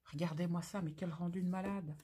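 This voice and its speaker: A woman's voice: lowish voice, fairly even intonation, a little fast, warm tone, a little hiss or hum. A woman hosting a craft channel, talking casually through an unboxing with gushing, exclamatory, slangy enthusiasm.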